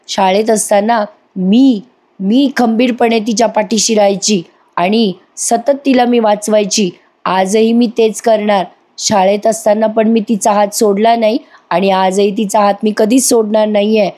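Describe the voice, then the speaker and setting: A woman voicing a scheming older woman who scornfully accuses a young bride. She reads the lines in her own mellow voice. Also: medium pitch, lightly acted.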